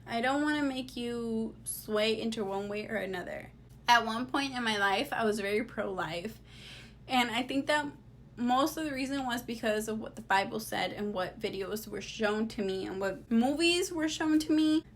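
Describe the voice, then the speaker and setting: A woman in her twenties answers viewer questions in a casual confessional Q&A, blunt, sassy, slangy and unfiltered. She speaks at a moderate pace in a fairly high voice, with slight background noise.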